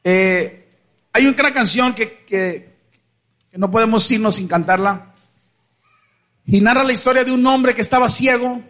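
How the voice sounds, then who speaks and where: A man's voice: very high voice, a little slow, pauses often, pushed and bright. A man with a Mexican accent telling a Bible story at a church concert, asking the crowd questions and acting out voices. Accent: Mexican Spanish. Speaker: worship band singer preaching between songs.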